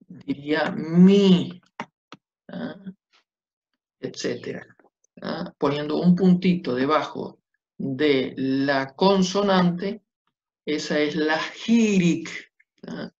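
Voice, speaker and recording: A man teaching Biblical Hebrew in a class, patiently checking understanding with short tag questions. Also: a little high. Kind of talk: classroom lecture at a whiteboard. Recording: dull lo-fi classroom recording.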